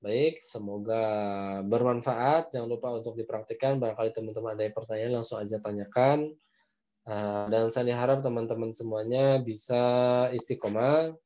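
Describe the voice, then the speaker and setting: A man with an Indonesian accent teaching Quran recitation in an online class, patiently explaining and slowly demonstrating letter sounds over a video call. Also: mid-range voice, steady tone, dark tone, lo-fi sound.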